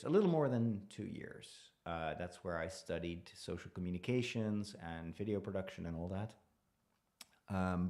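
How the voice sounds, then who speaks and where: A man's voice: on the low side, darkish tone. A middle-aged man, a priest hosting a live stream, chatting casually with viewers in a self-deprecating way and laughing easily.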